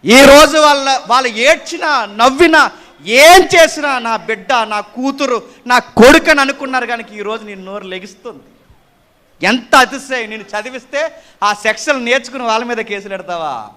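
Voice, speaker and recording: Guy preaching a sermon, scolding hard, very clear crisp voice, loud bursts of emphasis. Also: very high voice, expressive, normal speed.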